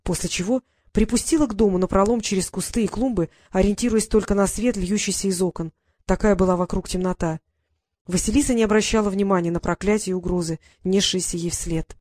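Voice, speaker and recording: Female audiobook reader, lively storytelling, dry close mic. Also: mid-range voice, brisk, no echo. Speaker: audiobook narrator. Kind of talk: scripted narration.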